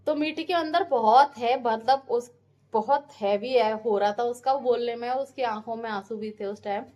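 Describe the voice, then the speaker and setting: A mother in her thirties chats through a family vlog in a homely way, offering advice and drifting now and then into heartfelt reflection. Her voice is a little high with a darkish tone, at normal speed.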